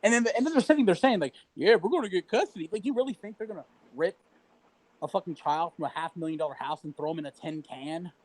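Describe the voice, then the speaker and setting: Man ranting in a high voice. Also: fast talker, a little mellow, a little hiss or hum, poor audio. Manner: profane, heated ranting with mocking quotes. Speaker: livestream co-host. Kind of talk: casual livestream chat.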